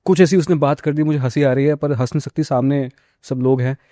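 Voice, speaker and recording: A man interviewing a guest, asking calm conversational questions in a mix of Hindi and English. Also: fairly high pitch, a little fast, dry recording, clean studio sound.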